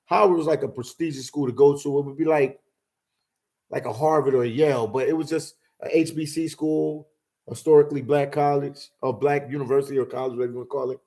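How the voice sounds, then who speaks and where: This medium-pitched man in his forties, from Philadelphia, hosts a relaxed livestream chat. He spins laid-back stories and memories without rushing, leaning constantly on "man" and "you know" to keep things conversational.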